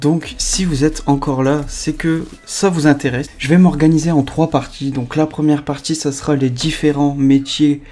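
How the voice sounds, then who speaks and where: Brief: young male vlogger, loose improvised chat, lots of ums, voice on the high side. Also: steady tone, moderate pace, few pauses, warm tone, faint music behind. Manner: chatty, improvised, many fillers. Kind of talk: unscripted casual vlog talk.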